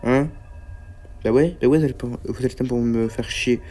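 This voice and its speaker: Jumpy young French gaming commentator. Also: male voice, medium pitch, normal speed, darkish tone, soft background music. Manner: jumpy, rambling, swears and stammers when scared. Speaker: gaming YouTuber. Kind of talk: let's play commentary.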